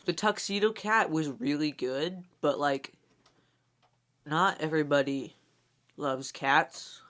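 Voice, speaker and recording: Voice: medium pitch, slow pace, a bit bright. Hesitant podcast co-host, casual chat. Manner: hesitant, filler-heavy, jokey.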